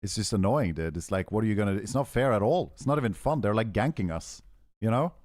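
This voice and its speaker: A man's voice: fairly low pitch, animated, quick pace, darkish tone, no echo, clean studio sound. A man with a Norwegian accent, chatting casually on a game stream in a laid-back, profane way full of gamer slang. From Norway.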